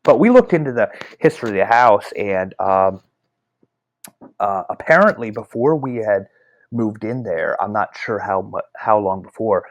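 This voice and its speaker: A man's voice: fairly low pitch, expressive, moderate pace. A middle-aged man casually telling a personal ghost story, rambling with fillers and restarts. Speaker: author.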